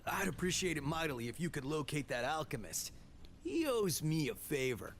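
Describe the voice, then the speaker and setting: Friendly, easygoing cartoon cheetah, higher-pitched. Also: male voice, very animated, moderate pace, slight background noise. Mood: sheepish, friendly. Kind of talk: video game character acting.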